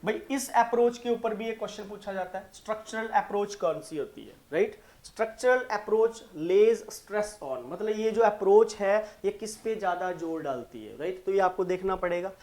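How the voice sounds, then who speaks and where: A teacher with a Punjabi accent giving an online exam-prep lesson, mixing Hindi and English, explaining slowly and often checking in with "right?". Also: mid-range voice, expressive, darkish tone. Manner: explains slowly and repeats key terms. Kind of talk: online exam-prep lesson going through multiple-choice questions.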